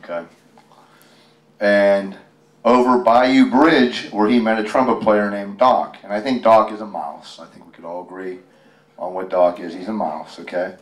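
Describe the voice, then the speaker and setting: At a live library event, an American man with a Western Pennsylvania background reads a picture book to a casual storytime crowd, mixing in jokes and folksy chatter. He keeps a lowish, steady tone at a moderate pace. The handheld microphone is held by a helper, leaving the sound roomy and far from the mic.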